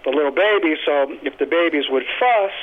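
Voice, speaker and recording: A man comes through a phone's speakerphone, talking in an easygoing, storytelling way. His voice sits a little high and swings widely in pitch. He chuckles often as he explains things. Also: expressive, fairly quick. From South Carolina, USA. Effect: heard over a speakerphone on a phone call. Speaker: distillery staff taking a call. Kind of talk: casual phone chat.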